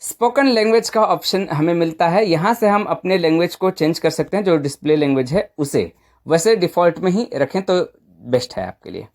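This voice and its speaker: A woman's voice: fairly low pitch, expressive, a little fast, darkish tone. A woman presenting an informal step-by-step phone tutorial, conversational and often checking in with short tag questions.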